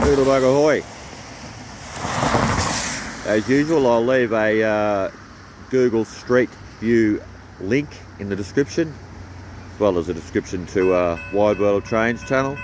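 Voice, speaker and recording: A man's voice: fairly low pitch, slow, pauses often, background noise. A man vlogging casually at a railway line outdoors in the rain, talking in a laid-back, chatty way into a handheld camera. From Australia. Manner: laid-back, chatty, sings a snatch of song. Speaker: train-spotting vlogger.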